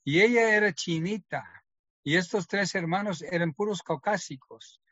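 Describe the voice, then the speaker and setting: A man's voice: sits high, normal speed, a bit bright, no echo, highs cut off. A middle-aged man giving an earnest personal testimony, acting out the lines of the people in his story. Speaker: testimony speaker.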